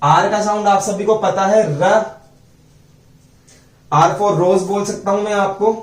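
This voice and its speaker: High, slow-speaking male teacher, echoey. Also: steady tone. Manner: slow, repeats sounds and asks students questions. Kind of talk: phonics lesson. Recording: echoey room, voice from a distance.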